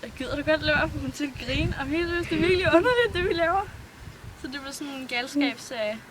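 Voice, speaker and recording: A teenage girl talks to her computer's webcam at home, rambling from one thing to the next with giggles and offhand swearing. Her voice sits a little high. Loud background noise runs under the whole recording. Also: lively intonation. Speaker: vlogger. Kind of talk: casual rambling chat to camera.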